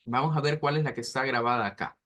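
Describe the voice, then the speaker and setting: A man teaching an online language class, explaining step by step and slowly modeling pronunciation. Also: medium pitch, steady tone, fairly bright tone.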